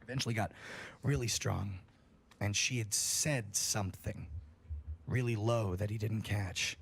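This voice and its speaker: A man's voice: unhurried, gravelly, slightly rough. A man on a livestream reading a horror story aloud in a casual, profane way, his voice rising at the tense parts. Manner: casual and profane, rises in pitch at tense moments.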